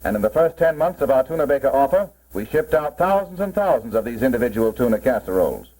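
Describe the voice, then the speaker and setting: A man's voice: medium pitch, big pitch swings, quick pace, dark tone, slightly rough. A man presenting as a proud company spokesman, narrating a 1940s promotional film in a formal, salesmanlike style. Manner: formal, salesmanlike, mid-century narrator delivery. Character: company man presenting his product with pride. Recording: muffled, worn 1940s film soundtrack.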